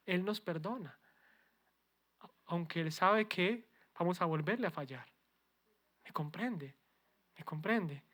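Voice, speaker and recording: Male pastor preaching, loud then soft. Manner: peppers talk with rhetorical questions to the congregation; swings between loud emphatic lines and soft low asides. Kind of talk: sermon.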